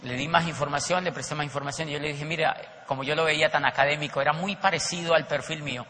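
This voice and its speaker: A man's voice: on the high side, steady tone, fast talker, sharp tone, long reverb tail. A man giving a motivational seminar talk on network marketing, telling stories animatedly and acting out the voices.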